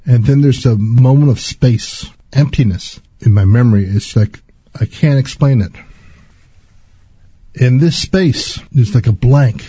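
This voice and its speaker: Husky dark-voiced man, earnest testimony. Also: mid-range voice, a little slow, no room sound, muffled recording. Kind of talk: personal spiritual testimony.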